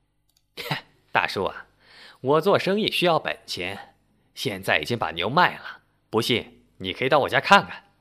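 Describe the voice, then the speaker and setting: Guy playing a crafty mocking village husband, sneery, shouts when crossed. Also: lowish voice, animated, normal speed. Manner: mocking, barking when angry. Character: scheming sly village husband, bullying.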